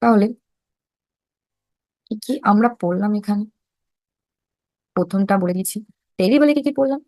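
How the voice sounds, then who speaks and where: A woman teacher who reads English lines slowly and then explains them with frequent questions. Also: medium pitch, mellow, no room sound. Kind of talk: explaining an English text in Bengali.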